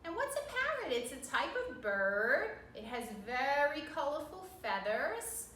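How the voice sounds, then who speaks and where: A woman's voice: high-pitched, big pitch swings, measured pace, fairly bright tone. A woman preschool teacher giving a virtual lesson to small children, sing-song and encouraging, asking questions and sounding out words. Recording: roomy, distant mic, faint noise.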